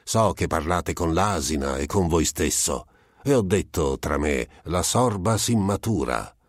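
A man voicing a pious wandering vagabond who speaks slowly and solemnly and sometimes erupts in fury, in a storybook reading. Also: sits low, lively intonation, dry recording, clean studio sound. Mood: earnest calm. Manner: slow and solemn, bursting into fury.

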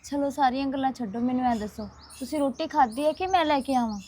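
A caring young neighbour, played by a woman, soothing and reassuring. Her voice is high-pitched. She speaks in a short village drama. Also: fast, mellow, slight background noise, close to an everyday voice.

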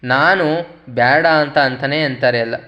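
A man's voice: mid-range voice, a little slow, lightly acted. A sad, overlooked bitter gourd, as a man plays it. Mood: hurt. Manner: hurt, plaintive, lecturing gently. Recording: dull lo-fi recording.

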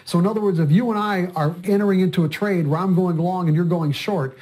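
Older man, trading coach, slightly high voice, rambling interview story, repeats his words. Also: fast talker, a little mellow.

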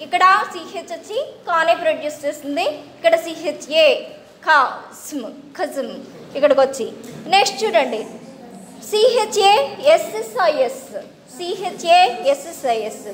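A woman teaching English pronunciation to a class. She spells each word out slowly, repeats the sound and asks the students to say it back. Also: very high-pitched, animated. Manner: asks students to read aloud. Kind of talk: classroom phonics lesson.

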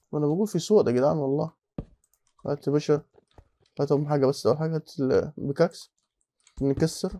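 A young man with an Egyptian Arabic accent, giving casual, excitable commentary while playing Minecraft, muttering to himself and now and then breaking into alarmed shouts. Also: on the high side. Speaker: gaming channel host.

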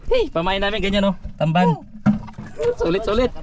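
A man's voice: high voice, normal speed, highs cut off. Chatty fisherman vlogging from a boat. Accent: Palawan Filipino. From Philippines. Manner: chatty, laughs often, exclaims loudly when excited. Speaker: fisherman vlogger filming the catch. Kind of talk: casual excited vlog commentary. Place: outdoors on a small fishing boat at sea. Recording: outdoor boat recording with clear background noise.

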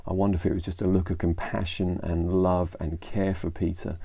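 A man's voice: low voice, flat delivery, fairly quick, creaky, dark tone, slightly rough, no echo. An English man giving an informal devotional talk, retelling a Bible story in a conversational way with fillers and restarts. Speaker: church leader.

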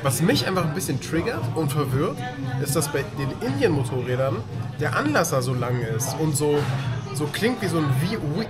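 A young man with a slightly high voice rants bluntly in coarse slang, half in jest. He is caught on a table-top action camera in a dim diner, with loud music playing over the talk. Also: sing-song, normal speed. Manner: blunt, slangy, mock ranting. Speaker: friend and guest. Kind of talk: casual chat.

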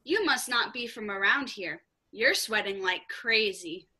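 A woman's voice: medium pitch, expressive, measured pace, breathy edge, exaggerated voice. A woman voicing a kind and helpful female camel in a children's story. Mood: kindly. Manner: kindly, then shouting bravely.

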